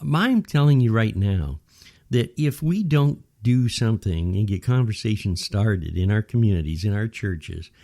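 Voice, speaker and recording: A man's voice: fairly low pitch, lively intonation, measured pace, dark tone. An older man with an American accent delivers an opinionated monologue, a grumbling old man's rant punctuated with rhetorical questions. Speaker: opinion commentator. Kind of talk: opinionated monologue rant about current affairs.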